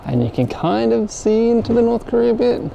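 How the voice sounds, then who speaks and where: A man's voice: very high-pitched, very animated, moderate pace, gravelly, warm tone, dull audio. Young guy vlogging a tour outside, chatty, says like a lot, bit of street noise behind. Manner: chatty, explains with lots of "like". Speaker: travel vlogger. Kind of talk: casual travel vlog chat. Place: outdoors on a guided tour.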